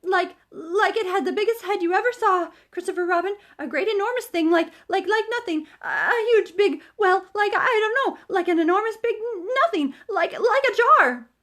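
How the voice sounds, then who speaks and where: A woman's voice: expressive, normal speed, hardly any pauses, a bit bright. A woman voicing a tiny, timid young male piglet who stammers and pants as he talks. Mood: breathless, frightened. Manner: squeaky, stammering, panting.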